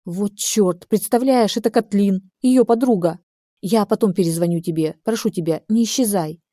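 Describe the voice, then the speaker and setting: A woman's voice: normal speed, warm tone, no echo, studio quality, lightly acted. Frantic hysterical young woman, as a woman reads her. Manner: shrill, pleading, hysterical.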